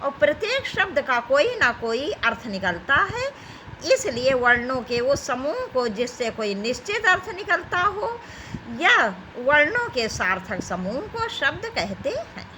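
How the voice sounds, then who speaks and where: A woman's voice: high voice, big pitch swings, unhurried, background noise. A woman teaching an exam-prep grammar lesson, reading out questions and options and addressing her students as children. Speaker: Hindi teacher.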